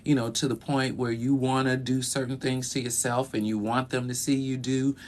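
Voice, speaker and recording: A sexologist gives a relaxed educational talk from a bedroom closet, using many fillers and repeating phrases. His voice is medium-pitched and his pace is normal.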